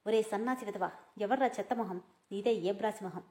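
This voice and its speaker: Woman doing a loud quarrelsome chatterbox girl. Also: medium pitch, pitched below the performer's own voice, natural voice. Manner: rapid, shouting insults.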